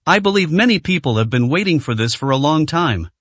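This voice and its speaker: A man's voice: fairly high pitch, brisk, no room sound. A man reading as a cold, commanding boss. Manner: calm and blunt.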